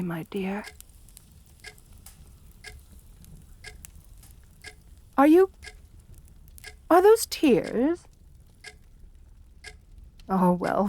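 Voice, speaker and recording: A woman voices a countess in an ASMR roleplay, an aristocrat who is assertive, seductive and menacing, and she speaks softly with coaxing, condescending endearments. Her pitch sits fairly high, and she sounds taken aback.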